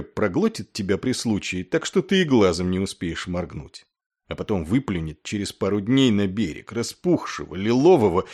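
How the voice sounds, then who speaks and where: A man's voice: fairly low pitch, a little mellow. A man narrating an audiobook in a dramatic, emphatic manner. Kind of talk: expressive audiobook reading.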